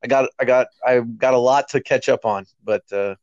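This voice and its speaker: A man's voice: mid-range voice, fairly even intonation, normal speed, a little mellow, dry recording. A man chatting casually as a podcast guest over a speakerphone call, rambling and restarting his sentences. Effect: heard over a speakerphone call. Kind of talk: casual chat. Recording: dull lo-fi speakerphone line, dry.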